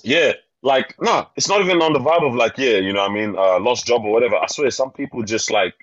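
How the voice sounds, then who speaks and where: A man's voice: mid-range voice, lively intonation, quick pace, fairly bright tone. Male podcast host, swooping intonation, bemused banter, muffled recording. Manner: slangy street talk, bemused and exclamatory.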